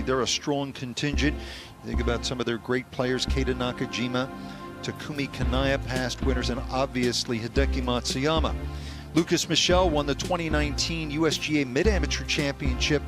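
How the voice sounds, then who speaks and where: A man giving live golf commentary as a broadcast host, with polished, measured announcing. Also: mid-range voice.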